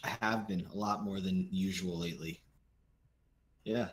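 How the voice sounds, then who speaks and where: A man's voice: deep voice, steady tone, a little slow. A young man co-hosting a podcast, ranting and joking in loose, profane casual chat. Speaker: podcast co-host.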